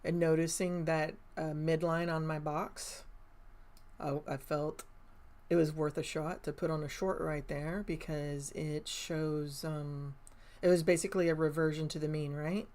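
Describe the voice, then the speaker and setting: A middle-aged woman, commenting casually on her live trades, chatty and excitable, swearing and laughing at her own moves. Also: sits low, a little slow. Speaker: day trader livestreaming.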